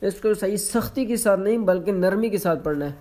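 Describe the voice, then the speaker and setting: Male online tutor with a high voice; slow stretched letters, brisk explanations. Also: darkish tone. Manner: slow drawn-out letter sounds between quick explanations, mixing in English. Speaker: Quran reading tutor. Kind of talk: online lesson in letter pronunciation.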